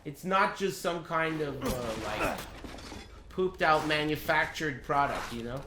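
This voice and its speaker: This game streamer talks in an unhurried, fairly high voice, rambling casually through crude, blunt impressions, joking and swearing freely. Behind him there's background noise, and the room adds an echo.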